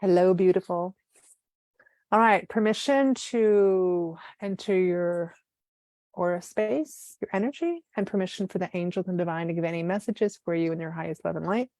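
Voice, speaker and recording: Soft, reverent woman channeling messages. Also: on the low side, normal speed, dry recording. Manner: soft, reverent, often breathy sighs. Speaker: guest channeler. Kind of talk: live spiritual channeling and reading.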